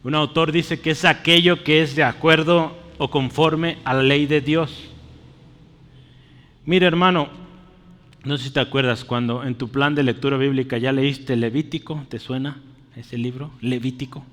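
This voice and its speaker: A man's voice: medium pitch, fairly even intonation, normal speed, a bit bright, in a large hall. A man preaching a sermon earnestly, calling his listeners brother and asking them questions. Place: church.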